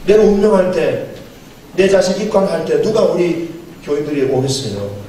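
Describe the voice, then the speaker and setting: A man's voice: on the high side, expressive, normal speed, mellow. A middle-aged man, a pastor, preaching a seminar sermon with a storytelling manner and acting out dialogue. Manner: storytelling, acts out dialogue, chuckles often. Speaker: pastor giving a seminar lecture. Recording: very echoey hall, mic far off, faint noise.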